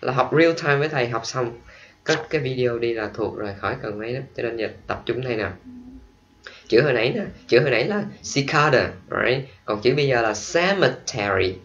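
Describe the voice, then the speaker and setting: A man's voice: medium pitch, lively intonation, fairly bright tone, dull audio. Vietnamese-accented male English teacher. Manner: switches between quick explanations and slow drawn-out model pronunciations. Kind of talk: classroom vocabulary lesson.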